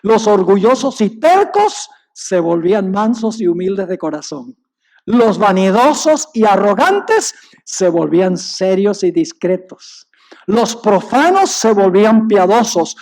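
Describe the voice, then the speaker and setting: A man whose high voice is a little mellow preaches to his congregation, recounting a parable with strong emphasis and speaking to the listeners directly.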